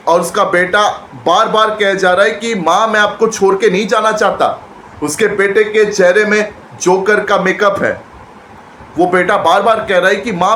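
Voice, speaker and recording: A man reviewing a movie trailer in casual chat, retelling scenes excitedly and often repeating and restarting his phrases. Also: high-pitched. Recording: echoey room with faint background noise.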